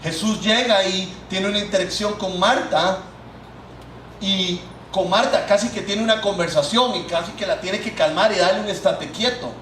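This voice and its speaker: A man's voice: high voice, moderate pace, a bit bright, far from the mic, slight background noise. A man, preaching a sermon and talking directly to the congregation. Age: 30s. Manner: conversational, addresses the congregation directly. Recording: echoey hall, mic set back.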